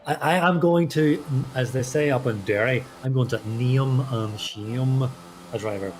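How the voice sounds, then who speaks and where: A man's voice: mid-range voice, a little slow, a little hiss or hum. A man co-commentating a sim race, chatty and rambling through anecdotes with lots of fillers.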